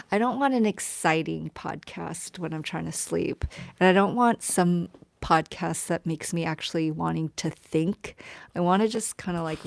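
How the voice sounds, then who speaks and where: A woman chatting casually on her live stream, tired and rambling, often dropping to a soft whisper as she talks to viewers. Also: lowish voice, creaky, no room sound.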